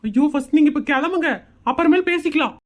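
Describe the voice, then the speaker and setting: A woman's voice: high-pitched, quick pace, lightly acted. A woman voicing a fussy, anxious young woman neighbour in a cartoon comedy.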